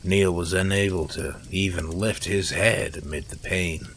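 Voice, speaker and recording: A man reading a story aloud in a steady, measured way. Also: deep voice, slightly rough. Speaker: audiobook narrator.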